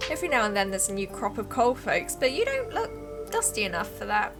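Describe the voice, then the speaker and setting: A woman's voice: medium pitch, sing-song, a little fast. A woman playing a friendly, chatty small-town woman with a dog, in a story game. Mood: friendly, curious. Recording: background music behind voice.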